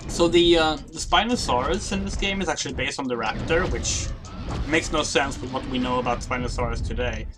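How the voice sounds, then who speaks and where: A man's voice: mid-range voice, brisk, music in the background. A man giving casual, musing gameplay commentary with a mild grumble, faint game sounds behind him. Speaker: gaming commentator.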